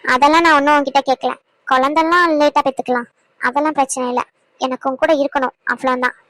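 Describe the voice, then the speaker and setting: A woman's voice: high-pitched, fairly even intonation, quick pace, a bit bright, no echo, low-quality recording. A woman voicing a stubborn, pleading young woman who wants to marry now, in a dubbed serial drama.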